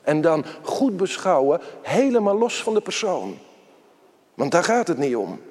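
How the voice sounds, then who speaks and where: A man preaching a solemn sermon as pastor, swelling loud, then dropping to a hushed near-whisper. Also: fairly high pitch, big pitch swings, unhurried. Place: church. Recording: long church reverb.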